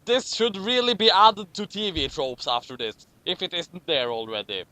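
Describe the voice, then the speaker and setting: A co-host reads fan fiction aloud, dropping casual, amused commentary and chat as he goes. His voice is high, bright and forceful, at a moderate pace.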